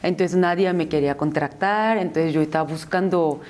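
A young woman from South Korea, an interview guest, speaks Spanish as a second language with a Korean accent, restarting often and repeating words in this casual conversation. Her voice sits low and darkish, at a moderate pace.

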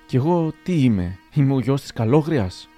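A man reading the lines of a hot-tempered, rough-spoken general, raising his voice. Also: medium pitch, animated, warm tone, soft background music, lightly acted. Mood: exasperated. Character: hot-tempered old-time male general, gruff.

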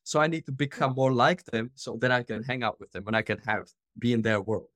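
Speaking a little fast with a fairly bright tone at medium pitch, this Czech podcast guest in his twenties recounts his life story in a casual interview. He's earnest and open, using lots of fillers, and the recording is dry.

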